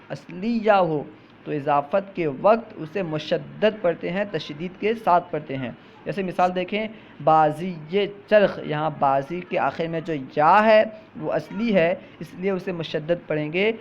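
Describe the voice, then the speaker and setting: A man teaching a grammar lesson, who reads each example slowly, repeats it and then explains it. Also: fairly high pitch, muffled recording, slight background noise.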